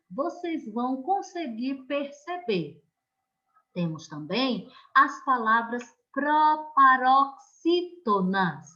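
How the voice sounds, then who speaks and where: A Brazilian woman teaching an online class, explaining slowly and patiently and often checking that the children follow. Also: high-pitched, sharp tone, highs cut off. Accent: Brazilian Portuguese.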